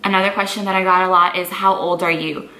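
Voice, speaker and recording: A Brazilian lifestyle vlogger in her twenties, a native Portuguese speaker, chats easily to camera in a casual Q&A, peppering everything with "like." Her lowish voice barely moves in pitch and comes out quick, pushed, and bright, in an echoey room with faint background noise.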